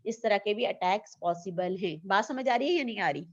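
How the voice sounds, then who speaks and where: A woman's voice: mid-range voice, a little fast, highs cut off. A woman teaching an online class, explaining step by step and asking questions she then answers herself. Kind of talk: online lecture.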